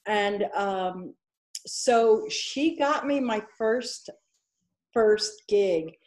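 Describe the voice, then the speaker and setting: A woman's voice: mid-range voice, very slow, darkish tone. A middle-aged woman from New York, a casting director chatting as a guest in a casual interview, telling stories and laughing easily.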